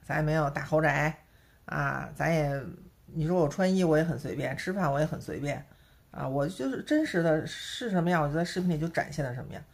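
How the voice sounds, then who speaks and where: A woman's voice: low-pitched, fairly quick, vocal fry. A woman with a Beijing accent chatting casually to camera as a vlogger, peppering her talk with rhetorical tag questions. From Beijing, China.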